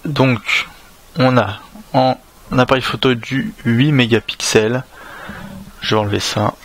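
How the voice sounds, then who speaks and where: A man's voice: mid-range voice, slow pace, a little hiss or hum. A man with a French accent giving a casual unboxing commentary, hesitant and full of fillers and restarts. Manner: casual, relaxed. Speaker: tech reviewer.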